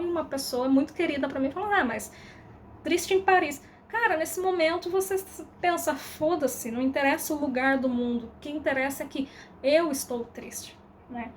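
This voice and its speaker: A woman's voice: high-pitched, slight background noise. A Brazilian woman in her thirties with a Brazilian Portuguese accent, vlogging in a candid, rambling way, with slang and loose fillers. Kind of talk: casual reflective monologue to camera.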